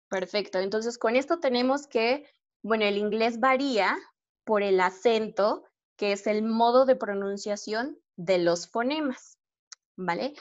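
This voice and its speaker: A woman's voice: mid-range voice, no echo, muffled recording. Encouraging woman teaching. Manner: patient, encouraging explanations with frequent check-ins. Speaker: English teacher. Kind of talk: live online lesson.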